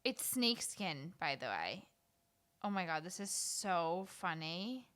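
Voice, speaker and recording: A young woman co-hosts a casual podcast, her voice bright and edged. She talks in an animated, incredulous way, and her pitch leaps up and down with every reaction. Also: slow. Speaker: podcast co-host. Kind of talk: casual chat.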